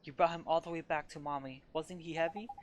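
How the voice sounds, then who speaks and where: A woman's voice: low-pitched, steady tone, quick pace, background noise, lightly acted. Woman doing a doting older shopkeeper lady. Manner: doting, sweet, cooing. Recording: game music behind the voice.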